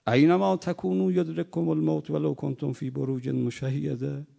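A man preaching a sermon, moving from quiet, plain talk to loud, impassioned cries. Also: on the high side, little pitch movement, creaky. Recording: long hall reverb.

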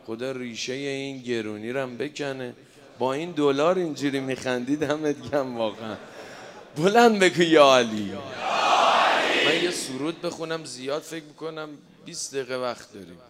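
A man leading a mosque gathering as a religious eulogist, chanting devotional verse and telling folksy stories to the crowd. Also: mid-range voice. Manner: loud melismatic chanting, lively folksy storytelling, joking with the crowd.

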